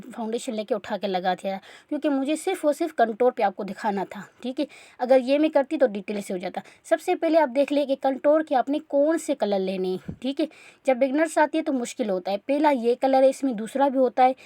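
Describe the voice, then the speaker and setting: A woman's voice: high voice, a little mellow, dry recording. A woman teaching a makeup class in a chatty tutorial style, often checking in with her listeners. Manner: chatty, repeats "theek hai" often. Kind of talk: casual tutorial instruction.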